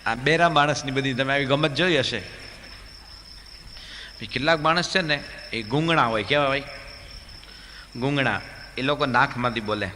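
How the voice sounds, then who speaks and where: Monk telling jokes in an echoey hall. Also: male voice, mid-range voice, moderate pace, pauses often, sharp tone, slight background noise. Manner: chatty, asks the audience questions. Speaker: monk giving a talk. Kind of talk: humorous religious storytelling.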